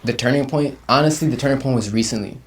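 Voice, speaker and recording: A fast-talking Ugandan rapper in his twenties, his voice at a medium pitch, chats casually as an interview guest. He's relaxed and slangy, and "you feel me" comes up often.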